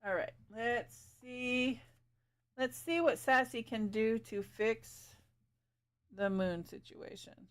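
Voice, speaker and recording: A woman's voice: on the high side, slow pace. A woman streaming live as she paints, chatting casually with viewers, thinking aloud and giggling often.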